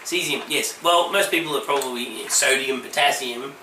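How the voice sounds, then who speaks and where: A man with a mid-range voice and sharp tone co-hosts a casual comedy podcast while recovering from a virus, trading dry quips and plenty of ums at a moderate pace. The room is echoey, the mic distant, and there's a faint hiss.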